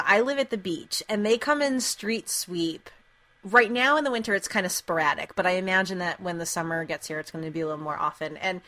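A woman's voice: medium pitch, fairly bright tone. A woman co-hosting a podcast, telling a story in a chatty way and often laughing as she talks. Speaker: podcast co-host. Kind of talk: casual chat, storytelling.

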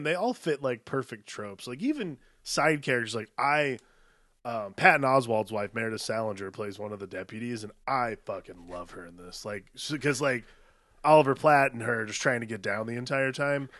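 A man's voice: mid-range voice, expressive, moderate pace, a bit bright, no echo, studio quality. A man co-hosting a podcast, rambling casually about a movie with many "like"s and some swearing. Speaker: podcast co-host.

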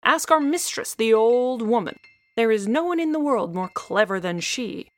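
A woman's voice: fairly high pitch, lively intonation, normal speed, lightly acted. A woman voicing a haughty, self-important hen who scolds and lectures in a storybook reading. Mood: lecturing.

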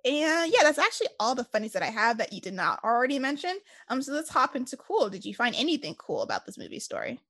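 A woman with a bright, fairly high voice chats about a film she has just watched. She laughs readily and moves the talk from one segment to the next, her pitch swinging freely as she goes. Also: huge pitch swings, no room sound, studio quality. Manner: bubbly and quick to laugh, steering the segments. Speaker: podcast co-host. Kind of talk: casual movie review chat.

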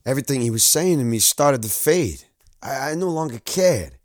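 A man's voice: medium pitch, expressive, dry recording, studio quality, pitched above the performer's own voice, close to an everyday voice. A man playing a young soldier, telling his war memories in the first person, earnest and stammering. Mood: haunted. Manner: earnest, halting with stammered repeats. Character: young male soldier recalling war, haunted. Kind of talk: first-person dramatic story narration.

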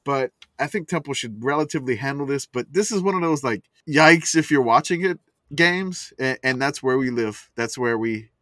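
Rambling and chatty, a man hosts a laid-back sports podcast from a closet, filling his talk with fillers. His medium-pitched voice is expressive and a bit bright, at a moderate pace. The sound is dry and close.

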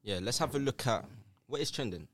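A man's voice: medium pitch, animated, fairly quick. A young man with a London roadman accent, hosting a casual, slangy talk show chat. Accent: London, urban roadman slang style. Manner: slangy, colloquial.

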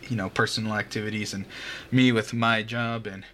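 A man's voice: fairly low pitch, fairly even intonation, a little fast, a bit bright, slight background noise. A young man hosting a casual podcast, rambling loosely, laughing often and swearing now and then. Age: young adult. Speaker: podcast host. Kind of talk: casual chat. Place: home room with a fan running. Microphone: home mic over a voice call.

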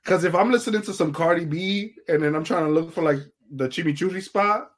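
A man's voice: on the high side, brisk, background noise. A podcast co-host telling jokey stories from home, laughing at his own bits. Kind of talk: casual chat. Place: home with a TV in the background.

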